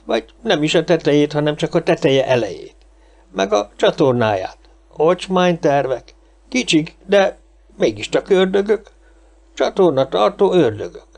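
A man's voice: fairly high pitch, gravelly, a little mellow, voice pushed up, full character voice. A man voicing a chatty, boastful homeless man in an audiobook, rambling and gossipy. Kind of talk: audiobook character reading.

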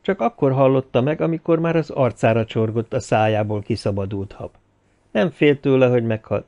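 Recsegő hangú férfi hangoskönyv-felolvasó. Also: male voice, medium pitch, dull audio. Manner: expressive storytelling. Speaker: audiobook narrator. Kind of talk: scripted narration.

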